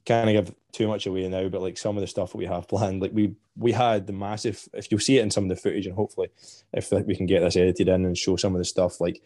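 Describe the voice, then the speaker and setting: A man's voice: sits low, flat delivery, quick pace, warm tone, no echo, studio quality. A Scottish man chatting as a podcast guest, rambling with many fillers and restarts. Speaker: podcast guest, festival organizer. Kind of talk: casual podcast chat.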